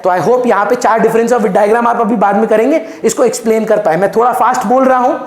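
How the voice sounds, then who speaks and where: A man giving a fast exam revision lecture on economics, emphatic and repeating key terms, switching English terms into his speech. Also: very high voice, vocal fry. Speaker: economics teacher. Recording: echoey room.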